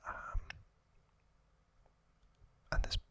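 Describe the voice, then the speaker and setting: Speaking in a slow, deliberate, gentle whisper close to the mic, this male ASMR creator hosts his video.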